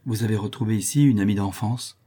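A man voicing a flattering young suitor in an audiobook, smooth and insinuating. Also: lowish voice, quick pace.

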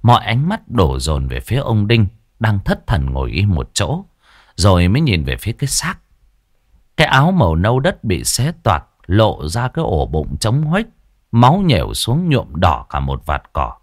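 A man with a fairly low voice narrates a ghost story, his pitch rising and falling with lively drama. The recording is dry and close, with little room sound. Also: no echo.

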